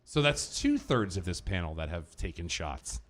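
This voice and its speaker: A man's voice: sits low, very animated, moderate pace, crowd noise. A man co-hosting a casual live-stream podcast, reacting to wrestling with teasing banter. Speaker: podcast co-host.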